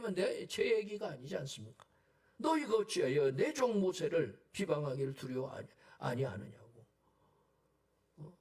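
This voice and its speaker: A male pastor delivers a Sunday sermon in a church, talking to the congregation with constant rhetorical questions and dropping now and then into hushed asides. His voice sits high for a man and has a husky, breathy edge. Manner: conversational preaching with rhetorical questions and sudden quiet asides. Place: church sanctuary.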